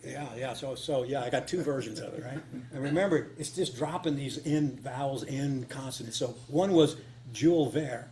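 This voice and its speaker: Recorded live with noticeable hum and noise, a man who writes radio dramas gives an informal conference talk to a small group in a meeting room. Folksy and unscripted, he repeats phrases for emphasis, using a medium-pitched, darkish voice at normal speed.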